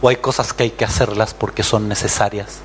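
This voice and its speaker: A man's voice: lowish voice, fairly quick, a little hiss or hum. A man with a Chilean accent preaching a sermon as pastor, acting out other voices and calling for amens. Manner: animated, acts out voices and calls for amens.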